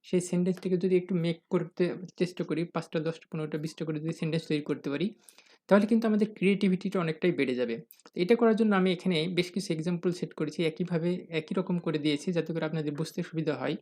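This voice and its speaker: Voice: mid-range voice, darkish tone. Patient teacher asking and answering questions. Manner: reads example sentences slowly and deliberately; addresses the viewers as "dear learners". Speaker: English grammar teacher. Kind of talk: recorded grammar lesson.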